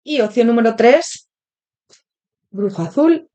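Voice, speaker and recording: Still sore-throated from a cold, a woman with a Spain Spanish accent hosts an interactive tarot reading, talking chattily to her viewers with many filler pauses. Her voice is on the high side and mellow with lively intonation, and the highs sound cut off.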